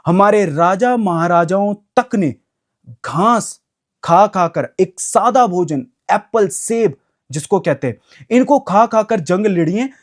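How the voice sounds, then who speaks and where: A young man rants to camera in a casual vlog. His pitch swings widely as he talks, and he leans on emphatic repetition. He drops English phrases into his talk. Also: animated, slow pace. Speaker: vlogger. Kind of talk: casual opinion rant to camera.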